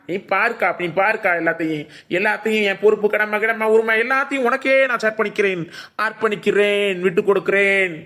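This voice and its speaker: A voice artist playing a cheeky, idle, drunken younger brother in a village cartoon, with a Ramanathapuram Tamil accent. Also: male voice, high-pitched, a little fast, bright, forceful tone. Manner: cheeky, playful, mock-grand.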